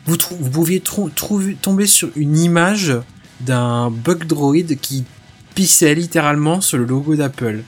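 A man's voice: on the high side, a little slow, husky, soft background music. A man on a casual podcast presenting a tech news item, explaining it with frequent halts and restarts. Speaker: podcast co-host.

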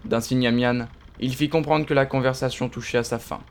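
A man giving steady, understated scripted narration of an audio drama. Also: mid-range voice, brisk.

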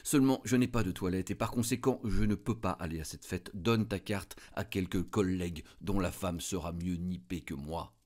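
A man's voice: deep voice, moderate pace, few pauses, a little mellow, lightly acted. A man voicing a discontented young wife who pleads and sulks, in a read-aloud story. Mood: plaintive. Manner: pleading, tearful, then eager.

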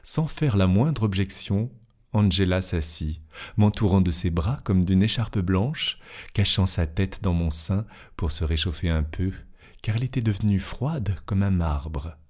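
A man reading a classic fantastic tale aloud in a measured, expressive way, lingering over descriptions. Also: low-pitched. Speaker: narrator.

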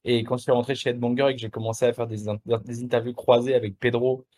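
A young adult man, a musician guest in a casual interview, talking in a relaxed, slangy way with many fillers and restarts. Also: mid-range voice, fast.

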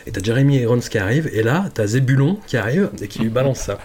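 A man's voice: medium pitch, lively intonation, fast talker, a little mellow. A man co-hosting a casual film podcast, rambling with many hesitations and restarts. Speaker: podcast co-host.

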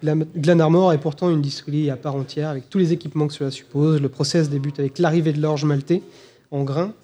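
This is a man talking casually on a live podcast. His pitch sits a little high, and his tone is dark and mellow. He hesitates a lot, restarting sentences and filling gaps with "euh". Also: steady tone, fast talker. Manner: hesitant, many fillers and restarts. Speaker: podcast co-host presenting whiskies. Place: live event recording.

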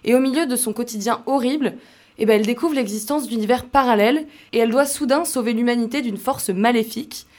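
A young woman reading a scripted culture and sport segment in a lively, conversational way. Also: a little high, fast. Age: young adult.

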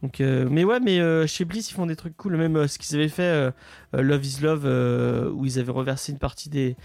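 A man hosting a casual podcast chat, halting and searching for his words as he goes. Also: fairly high pitch, vocal fry, darkish tone, no echo. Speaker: podcast host.

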